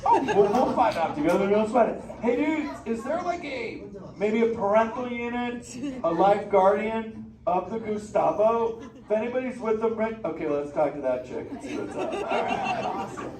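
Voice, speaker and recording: In a live interactive theater show, a man plays a laid-back male surfer sea turtle, drawling surfer slang and playfully bantering with the crowd. His voice sits high and is sing-song, at a normal speed. The mic is distant, so the echoey theater comes across from afar with ambient noise.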